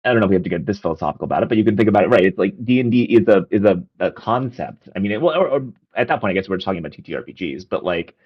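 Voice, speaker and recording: Very deep-voiced hesitant man, lo-fi. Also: lively intonation, racing, slightly rough. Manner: hesitant, full of "I mean" and restarts. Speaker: podcast co-host. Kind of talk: casual discussion stream.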